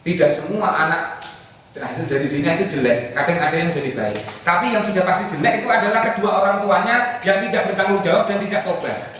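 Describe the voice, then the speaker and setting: A man gives an Islamic sermon, animated and full of rhetorical questions, acting out the dialogue of a story. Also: high-pitched, a little fast, slight background noise. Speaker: preacher. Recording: echoey hall from far off.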